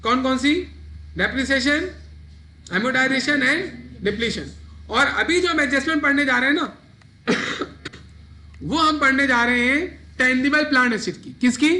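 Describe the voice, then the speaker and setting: High bright male lecturer quizzing students. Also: unhurried, pauses often. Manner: asks students questions and answers them himself. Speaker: accounting lecturer. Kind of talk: classroom lecture.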